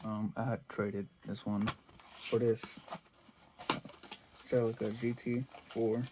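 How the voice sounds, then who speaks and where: A man's voice: on the low side, little pitch movement, slow, very noisy. A man chatting casually as he unboxes toy cars for his vlog, rambling and restarting his sentences a lot. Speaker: toy car collector vlogger.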